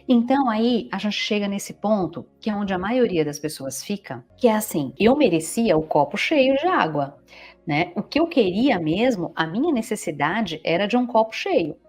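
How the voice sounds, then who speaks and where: A woman's voice: mid-range voice, big pitch swings, normal speed, darkish tone. A woman with a Brazilian Portuguese accent, a psychologist giving an explanatory teaching talk, patiently checking in with her listeners as she goes. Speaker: psychologist and family constellation teacher.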